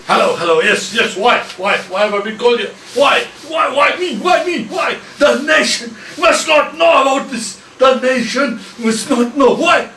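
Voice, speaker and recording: A panicky, famous male news reporter who bursts into shouts and repeats every word in a frantic rush, as a man puts him on. His voice sits high and carries the boom of an echoey room. The mic is distant, with a faint hum of ambience behind him. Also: lively intonation, measured pace, vocal fry, full character voice. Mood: indignant shouting.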